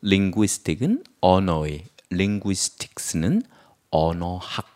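A man with a lowish voice gives a vocabulary lesson, his pitch swinging widely as he explains word roots. He acts out little example sentences and offers playful memory tricks. His delivery stays animated and teacherly. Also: drawn-out words. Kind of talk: lively vocabulary lecture.

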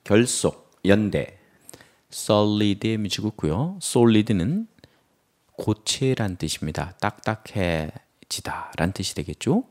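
A man with a lowish voice gives a vocabulary lesson, his pitch swinging widely as he explains word roots. He acts out little example sentences and offers playful memory tricks. His delivery stays animated and teacherly. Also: slow pace. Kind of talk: lively vocabulary lecture.

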